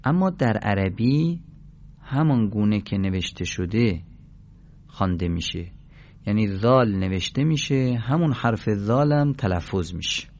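A man teaching a pronunciation lesson for Quran recitation, explaining and then slowly drilling syllables. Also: lowish voice, animated, a little mellow, highs cut off. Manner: slow, deliberate, drawn-out syllable chanting.

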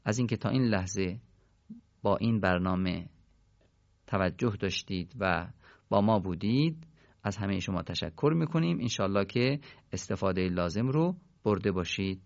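Gravelly teacher. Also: male voice, low-pitched, lively intonation, no room sound, highs cut off. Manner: patient, step-by-step explaining, slow chanted recitation of verses. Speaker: Quran recitation teacher. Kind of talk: recorded tajwid lesson.

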